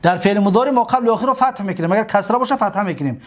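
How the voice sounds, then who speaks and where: A man teaching a class, reciting drill lists in a chanting rhythm, repeating key points and asking the class questions. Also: high voice. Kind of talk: lecture on Arabic verb forms.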